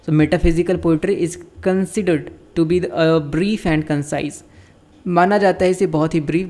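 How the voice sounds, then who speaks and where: Gravelly man teaching literature. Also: on the high side, a little mellow. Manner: reads English lines slowly then explains in Hindi with fillers. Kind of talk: explaining lecture in Hindi-English mix.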